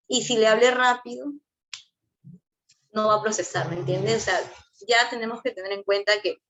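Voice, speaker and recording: Lively woman teaching a class. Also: medium pitch. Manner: lively, acts out child-directed speech. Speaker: early language teacher. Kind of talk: online class lecture.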